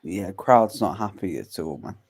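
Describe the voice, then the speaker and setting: A man's voice: low voice, very animated, moderate pace, creaky, breathy edge. A young man co-hosting a live fight watchalong, chatting casually, laughing often and recapping the action for viewers who have just tuned in.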